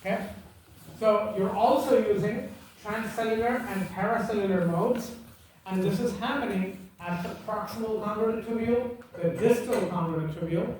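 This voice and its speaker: A man's voice: sits high, moderate pace, a little mellow, a little hiss or hum. A man lecturing a class in an emphatic, teasing way, repeating key points and checking that students follow. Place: lecture room. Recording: echoey room from far off.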